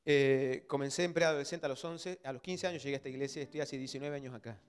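A man in his thirties, a pastor from Argentina with an Argentine accent, preaching a fervent sermon that swings between loud exhortation and quiet storytelling. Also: medium pitch, steady tone, quick pace, smooth, faint music behind. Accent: Argentine Spanish. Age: 30s.

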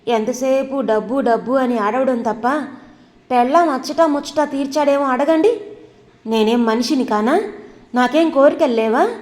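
A woman voicing a proud, quarrelsome young wife who bursts out in shrill, tearful accusations. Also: a little mellow, big-room sound, lightly acted. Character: proud angry young wife, quick to fight.

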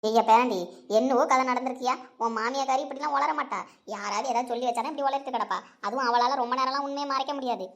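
A woman voicing a sharp-tongued old village grandmother in a cartoon, gruff and scolding. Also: high-pitched, fairly even intonation, quick pace. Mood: suspicious. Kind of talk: cartoon voice acting.

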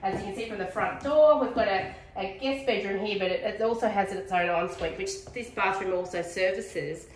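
A woman's voice: mid-range voice, moderate pace, hardly any pauses, distant mic. Gushing Australian woman on a house tour. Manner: enthusiastic, gushing. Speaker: prize home tour guide. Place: large furnished house indoors. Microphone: handheld camera following her. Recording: roomy echo, off-mic at times, noisy.

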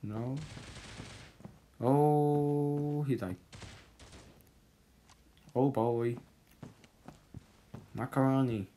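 Exasperated gamer, mid-pitched voice, casual shooter commentary, short repeated complaints, noisy recording with game gunshots. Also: extremely slow, pauses often, dark tone. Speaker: gaming video creator. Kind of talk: casual first-person shooter gameplay commentary. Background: video game gunshots and clicks.

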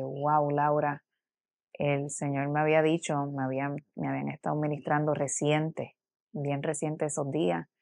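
A woman's voice: sits low, creaky, dry recording. A woman giving an earnest personal religious testimony, acting out her own past words as she tells the story. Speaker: church testimony speaker.

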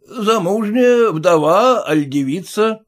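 A man's voice: high voice, animated, slow, voice pushed up, exaggerated voice. A man reading an audiobook, voicing a rude, prying merchant landlord who bullies his tenants. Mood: blustering.

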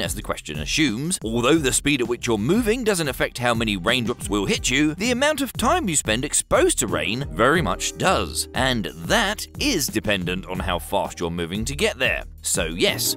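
A man's voice: medium pitch, fairly bright tone. A middle-aged man narrating a science explainer in a wry, conversational, scripted way.

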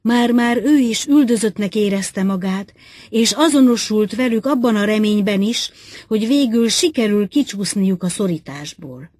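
A woman narrating a literary short story as an audiobook reader, measured and expressive. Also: medium pitch, dry recording, clean studio sound.

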